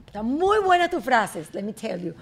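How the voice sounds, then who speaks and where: A woman hosting a casual chat, teasing and laughing often, slipping English phrases into her talk. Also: high-pitched. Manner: code-switches into English phrases. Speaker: host.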